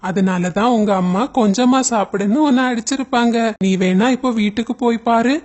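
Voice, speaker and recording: A performer voicing a kind, wise green mango that gently gives advice in a cartoon story. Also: mid-range voice, a little fast, lightly acted. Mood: soothing. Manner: gentle, soothing.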